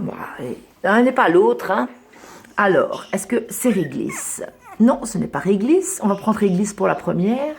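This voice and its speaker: Gravelly woman cooing over puppies. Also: medium pitch, darkish tone. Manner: coos fondly at the puppies between explanations. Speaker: dog breeder showing a litter of puppies. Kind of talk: casual phone video commentary. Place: indoors at home, near a radiator. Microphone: phone held in hand.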